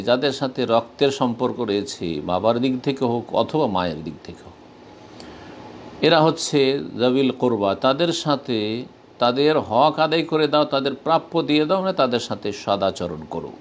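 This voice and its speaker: A man preaching a sermon, reciting verses and explaining them slowly and with emphasis. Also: mid-range voice, slight background noise.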